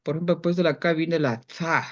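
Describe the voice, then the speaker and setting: A language student slowly and carefully reading out practice sentences in class, then asking the teacher for help. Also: mid-range voice, fairly bright tone, no echo, muffled recording. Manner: slow, careful syllable-by-syllable reading.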